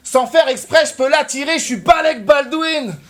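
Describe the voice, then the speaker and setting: A French man delivering mocking, loud rap battle verses aimed at his opponent. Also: very high voice, moderate pace. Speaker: battle rapper.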